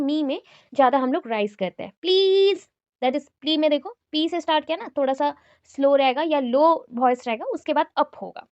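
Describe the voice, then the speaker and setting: A woman's voice: high voice, dry recording, highs cut off. A woman teacher, giving an exam-prep lecture and reading out example sentences with explanations. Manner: mixes Hindi and English, reads out and explains example sentences.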